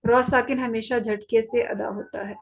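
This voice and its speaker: Woman, online recitation teacher, slightly high pitch, patient, repeats each rule. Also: steady tone, gravelly, low-quality recording. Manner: patient, repeats rules slowly and checks understanding. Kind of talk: online tajweed lesson. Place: online class.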